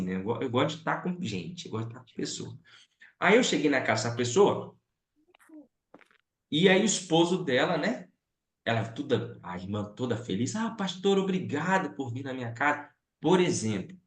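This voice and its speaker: Animated pastor teaching, roomy echo. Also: male voice, medium pitch. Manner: animated, chatty, often asks the listeners questions. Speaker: pastor teaching a missions class. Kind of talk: storytelling lesson.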